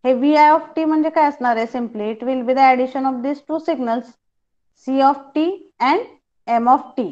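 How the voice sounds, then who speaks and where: Woman lecturer, measured and slow overall, checks the class often; muffled low-fi sound. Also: darkish tone. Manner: switches between quick Marathi and slow, spaced-out English; quizzes students with short questions. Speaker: teacher.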